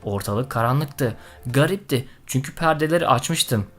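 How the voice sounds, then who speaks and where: A man's voice: medium pitch, animated, a little slow, faint music behind. A man narrating a tense first-person story in a dramatic, scripted style.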